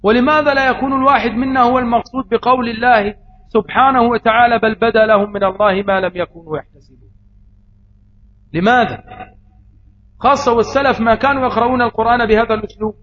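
A man's voice: extremely high pitch, steady tone, quick pace. A man with an Egyptian accent giving a religious lesson, posing rhetorical questions and answering them himself. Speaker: preacher. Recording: slightly dull audio, faint noise.

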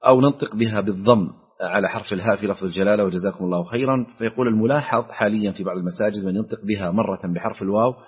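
Rapid breathy radio presenter. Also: male voice, fairly low pitch. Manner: formal, rapid reading with set blessings. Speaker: radio presenter reading listener questions. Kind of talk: reading listener letters aloud. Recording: dull lo-fi radio broadcast.

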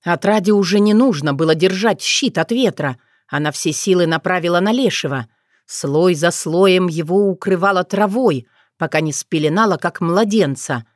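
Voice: medium pitch, moderate pace, no room sound. Dry, close fairy-tale narration. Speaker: audiobook narrator.

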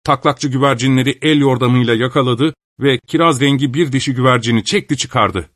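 A man narrating a literary audiobook in a measured, even storytelling manner. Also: medium pitch, no echo, studio quality.

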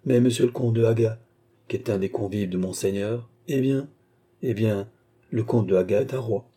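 A man's voice: fairly low pitch, moderate pace, dark tone, breathy edge. A man doing a stubborn, deferential butler. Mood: formal. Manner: deferential yet stubborn, formal. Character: stiff, dignified male butler, middle-aged. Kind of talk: audiobook character reading.

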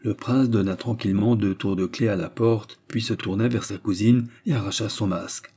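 Low, husky man narrating a novel. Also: steady tone, moderate pace, warm tone. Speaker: audiobook narrator.

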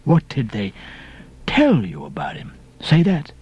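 Guy doing a ragged old sailor prophet, husky, slow and swingy, derisive, storybook reading. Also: medium pitch, huge pitch swings, a little mellow, lo-fi sound, heavily acted. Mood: insanely earnest. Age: older. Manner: emphatic, jabbering, archaic seafaring talk. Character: ragged, cryptic old sailor stranger, derisive and insanely earnest. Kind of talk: audiobook character reading.

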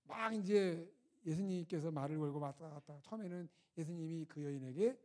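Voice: medium pitch, brisk, dark tone. A preacher at a winter retreat, retelling a scripture story in a conversational way and putting rhetorical questions to the audience. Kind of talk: storytelling sermon.

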